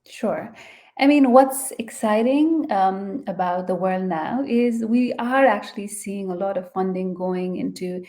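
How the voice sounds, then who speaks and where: A woman's voice: mid-range voice, a little slow, mellow. Thoughtful woman guest from Nepal. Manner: thoughtful, often adds "right?" and "you know". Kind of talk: interview answers.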